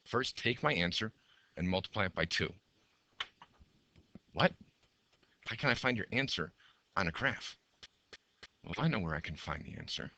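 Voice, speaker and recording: A man's voice: low-pitched, pushed and bright, no echo. A male math teacher who is losing his voice, talking through graph sketches step by step and counting aloud. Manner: talks through each step while drawing, counts aloud.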